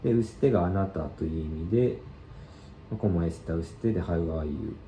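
A man giving a casual language lesson, explaining slowly and loosely with many fillers. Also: low-pitched, lively intonation, dark tone, echoey room, slight background noise, poor audio. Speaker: Spanish teacher.

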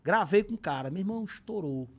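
A man's voice: sits high, animated, fast. A man, telling stories on a podcast in casual, slangy chat and bursting into sung parodies. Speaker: podcast guest, comedian.

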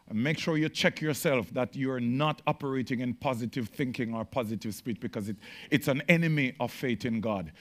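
A man preaching a sermon to his congregation. He jumps between loud, emphatic bursts and quiet asides, often restarts his phrases with repeated words, and asks the room questions. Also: mid-range voice. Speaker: pastor. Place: church meeting room with congregation.

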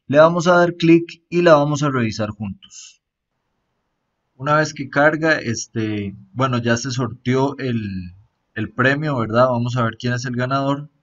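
A man giving a relaxed walkthrough of a phone app, often tagging sentences with a questioning aside and pausing on fillers. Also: mid-range voice, highs cut off. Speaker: app reviewer. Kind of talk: casual screen-recorded app walkthrough.

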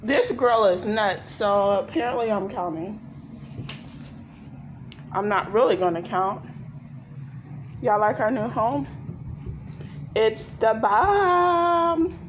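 In a casual handheld vlog, a young woman playfully films hide-and-seek while walking through an empty house, phone in hand. Her mid-range voice is animated, teasing and sing-song, slow with long pauses, in lo-fi sound with a little hiss or hum.

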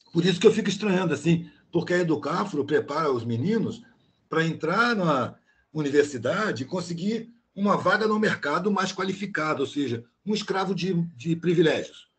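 A blunt older man tells a long story on a video call in a slangy, casual way. His voice sits fairly high for a man. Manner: blunt and slangy, peppered with "mano". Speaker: meeting participant.

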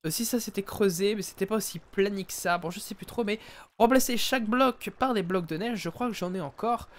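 A man's voice: high voice, fairly quick. Chatty man streaming a game live. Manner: chatty, keeps addressing viewers as ladies and gentlemen. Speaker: let's play streamer. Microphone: headset.

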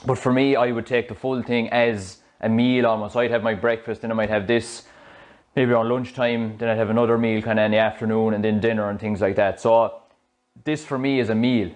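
A man in his thirties with an Irish accent, a fitness coach talking through a smoothie recipe in his home kitchen on a clip-on mic, chatty and explanatory. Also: lowish voice, fairly even intonation, a little fast, a little mellow. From Ireland. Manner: chatty, explanatory, loose restarts. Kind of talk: casual cooking demonstration. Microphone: small clip-on mic.

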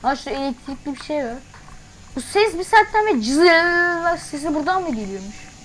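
A woman commenting on her gameplay as she plays, chatty and thinking aloud, with quick startled exclamations. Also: high voice, animated, fairly bright tone, low-quality recording. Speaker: gaming channel host.

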